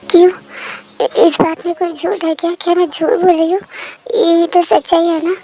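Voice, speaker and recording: A sick, resentful young woman throws accusations in a sarcastic, drawn-out way, as a woman reads her in a storybook reading. Her voice is very high. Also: flat delivery, warm tone. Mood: weak, bitter. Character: feverish bitter young woman, resentful and hurt.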